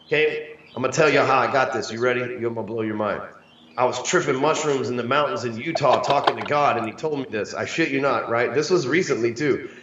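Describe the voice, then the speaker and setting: A man's voice: medium pitch, brisk, a bit bright, slight background noise. A man from the United States talking casually as an interview guest, brash, slangy and full of swearing. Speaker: sales coach, interview guest. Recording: roomy, distant, slightly dull microphone.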